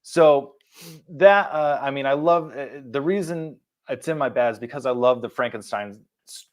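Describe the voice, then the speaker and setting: A man co-hosting a casual movie podcast, laughing often and joking about himself. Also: moderate pace. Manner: laughing, self-mocking, jumps in pitch for quoted voices. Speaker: podcast co-host.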